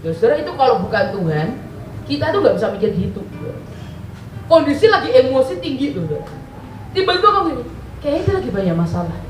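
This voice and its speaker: A woman's voice: high-pitched, fast talker, faint music behind. A woman preaching a sermon, telling stories and asking the congregation questions that she answers herself. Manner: animated storytelling with call-and-response questions. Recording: echoey hall, mic at a distance.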